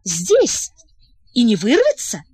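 A woman's voice: fairly high pitch, wildly swooping pitch, slow, a little mellow, husky, no room sound, heavily acted. Tearful anxious princess, read by a woman. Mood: excited. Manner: pleading, breathless questions.

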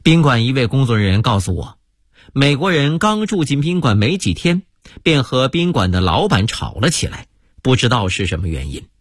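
A man narrating a radio story in a lively, expressive way, with exclamations. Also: mid-range voice, moderate pace, no room sound. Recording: dry close-miked radio studio.

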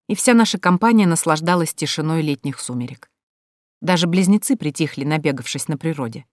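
Steady audiobook narrator, dry and close. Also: medium pitch, no echo. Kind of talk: scripted narration.

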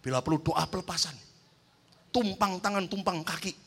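A male pastor delivers a fiery sermon in a high, bright, ringing voice. He tells stories between exhortations and swings from easy talk to loud shouts, calling the congregation for amen. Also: normal speed. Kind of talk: sermon with storytelling.

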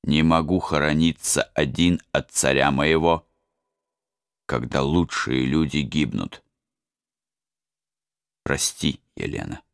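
A man voicing an honorable young prince who speaks quietly and firmly. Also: a bass voice, slow, long pauses, clear, resonant tone, no echo, studio quality, heavily acted. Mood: resolute. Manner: quiet, firm, hushed farewell.

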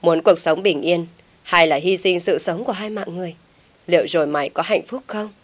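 A severe father scolds his son in a rapid stream, as a female storyteller puts him on. The voice is lowish. It comes from a one-voice audiobook drama. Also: lightly acted. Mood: scolding. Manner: scolding, quick. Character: stern older father, scolding.

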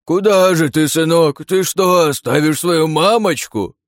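A man's voice: a little high, a little slow, no echo, clean studio sound, pitched above the performer's own voice, natural voice. A man voicing a cruel, mocking red-haired male villain who taunts and gloats in an audiobook. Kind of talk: audiobook character voice.

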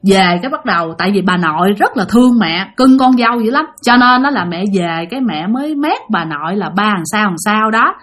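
A woman's voice: mid-range voice, lively intonation, fairly quick, hardly any pauses, a bit bright. A woman with a Southern Vietnamese accent, casually telling a ghost story and talking straight to her listeners. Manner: chatty, addresses listeners directly.

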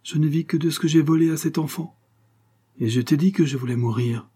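A man's voice: a little high, a little fast, mellow, husky, pitched above the performer's own voice. A man voicing a very old male mesmerist who feverishly confesses to stealing life from children. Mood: hushed urging. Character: ancient male mesmerist confessing his crimes.

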